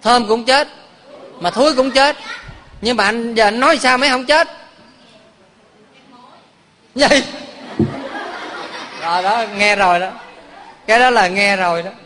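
A man's voice: very high voice, a little slow, pauses often, bright, forceful tone, a little hiss or hum. A man, a Buddhist monk giving a humorous dharma talk, quizzing his listeners and telling stories. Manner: quizzes the audience, jokes and tells stories. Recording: long hall reverb.

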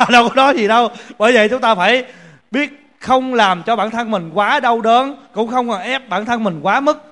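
A Buddhist monk gives a casual sermon in a high voice. He tells everyday stories with laughter and acts out the people in them. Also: moderate pace. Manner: lively storytelling with laughs and acted asides. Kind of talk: casual Buddhist dharma talk.

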